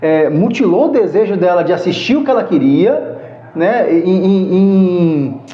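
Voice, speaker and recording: A man's voice: high voice, animated, unhurried. A Brazilian man in his thirties telling heartfelt personal stories as a podcast guest. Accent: Brazilian Portuguese. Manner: earnest, heartfelt storyteller. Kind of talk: casual storytelling interview. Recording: echoey room, muffled sound.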